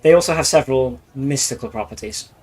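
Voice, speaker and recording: A man's voice: mid-range voice, fast talker, a little mellow, poor audio. Hesitant man explaining at length. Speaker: player. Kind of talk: casual tabletop game chat.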